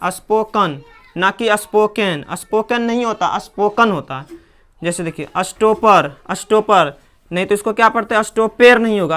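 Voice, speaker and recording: A woman's voice: mid-range voice, fairly bright tone, clean tone. A woman with a Hindi accent teaching English pronunciation, asking questions and answering them herself over and over. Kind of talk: classroom lesson.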